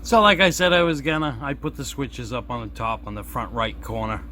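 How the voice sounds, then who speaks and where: Talking fairly quickly in a medium-pitched voice, a hobbyist walks through his radio modification at a workbench indoors, easygoing and thinking aloud as he goes. A tripod camera nearby does the recording, and there's constant background noise plus room ambience.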